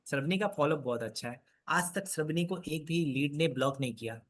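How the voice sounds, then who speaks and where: A man's voice: fairly high pitch, fairly quick, a bit bright. A man leading an online sales coaching session, prompting and encouraging his students. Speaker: sales trainer.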